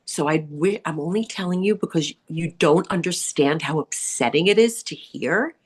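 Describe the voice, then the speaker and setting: Raspy, grating New woman. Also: deep voice, normal speed. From New York area. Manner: blunt, animated storyteller who acts out quotes. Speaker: interview guest, salon owner and author. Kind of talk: candid conversational interview.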